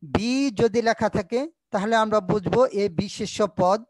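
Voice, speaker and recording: A woman's voice: medium pitch, steady tone, a little mellow, no echo, rough recording. Bangladeshi bengali lady teacher, patient, repeats stuff, dry close mic. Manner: patient, repeats each point and sounds out words slowly. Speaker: school teacher. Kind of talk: recorded classroom lesson.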